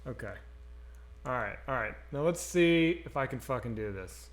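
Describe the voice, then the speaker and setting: A man's voice: medium pitch, moderate pace. A man with a nasal voice co-hosting a casual live stream, swearing freely and fumbling with the tech as he chats. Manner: profane, animated, fumbling with tech. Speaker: co-host.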